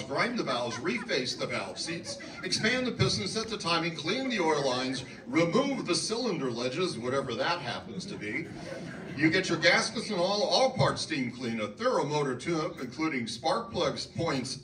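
A man in his seventies playing a brash 1960s TV garage pitchman, hammy and drawn out, in an echoey hall. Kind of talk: 1960s TV commercial announcing. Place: auditorium stage. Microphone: handheld mic. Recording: echoey hall, from far off, noisy.

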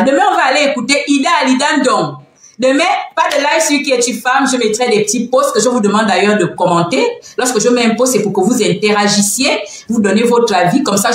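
A woman hosting a casual live stream from home, talking in an animated, teasing way and laughing often. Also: medium pitch. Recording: very echoey room, faint background noise.

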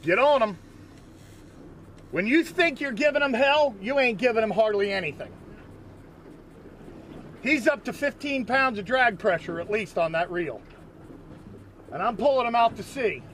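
A man, a charter fishing captain giving loud, excited commentary and coaching on an open boat, recorded on an action camera. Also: extremely high pitch, normal speed, long pauses. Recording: outdoor boat noise. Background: wind and water noise.

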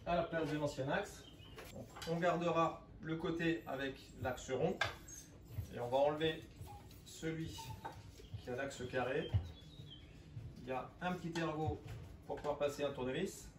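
A man's voice: fairly high pitch, fairly even intonation, unhurried, pauses often. Male DIY host, 40s, matter-of-fact, recorded at a distance in a roomy space. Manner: matter-of-fact, explaining each step plainly. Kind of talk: casual step-by-step DIY narration. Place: home room by windows, indoors. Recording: echoey room, distant mic, background noise.

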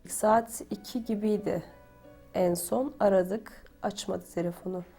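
A woman with a warm, darker tone recounts past events for a documentary, replaying each exchange with "I said" and "he said." Her pitch is mid-range for a woman, with faint music beneath her voice. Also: steady tone, a little slow. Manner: retells events by quoting dialogue with "dedim" and "dedi". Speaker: family member interviewed for a documentary. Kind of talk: emotional first-person recollection.

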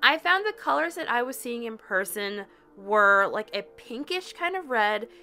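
A woman's voice: fairly high pitch, big pitch swings, a little slow, bright, forceful tone. A young woman narrating a chatty, upbeat nail polish review as a voice-over, with the odd giggle at her own slips. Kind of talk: scripted product review voice-over.

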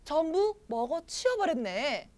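A woman's voice: sits high, big pitch swings, measured pace, darkish tone. A woman reading an English storybook aloud to children and explaining it, quizzing her young listeners in a sing-song way.

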